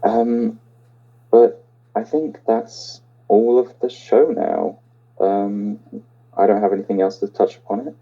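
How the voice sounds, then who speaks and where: A man's voice: lowish voice, fairly even intonation, slow, highs cut off. A young man hosting a casual podcast chat, hesitant and full of ums. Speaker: podcast host.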